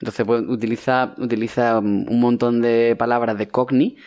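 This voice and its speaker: A man's voice: medium pitch, little pitch movement, normal speed, a little mellow, lo-fi sound. A man with a Spanish accent co-hosting a casual film podcast, explaining things at length with frequent restarts. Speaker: podcast co-host.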